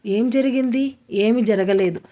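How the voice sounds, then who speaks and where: A woman narrator lifts her voice a little for a frightened young woman in a spoken romance tale. She answers in soft, hesitant denials, timid and uneasy under questioning. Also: fairly high pitch, a little slow, natural voice. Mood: nervous.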